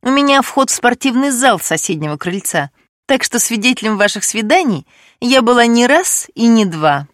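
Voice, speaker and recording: A woman voicing a sharp young woman who hurls accusations in a raised voice in an audiobook. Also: fairly high pitch, sing-song, moderate pace, dry recording, clean studio sound, voice pushed up. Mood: accusing.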